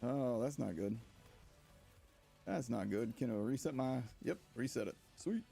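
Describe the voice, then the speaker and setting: Excitable male streamer, gravelly voice, faint music under it. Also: mid-range voice, unhurried. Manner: excited, laughing, talks to viewers. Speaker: game streamer. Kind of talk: live gameplay commentary.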